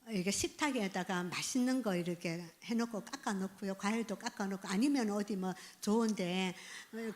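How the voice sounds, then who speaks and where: A middle-aged woman pastor with a high, bright voice preaches to a church congregation. She keeps it lively, slips into short parent and child lines, and gets the room to follow along with gestures. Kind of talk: midweek sermon on parenting. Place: church sanctuary.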